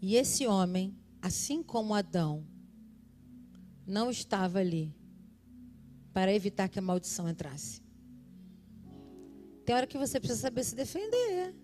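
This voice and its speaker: A woman, preaching a sermon in church and telling stories in an animated way, laughing and acting out the voices in them. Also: mid-range voice, moderate pace, pauses often, faint music behind. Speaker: pastor. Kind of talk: sermon with personal storytelling. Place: church service.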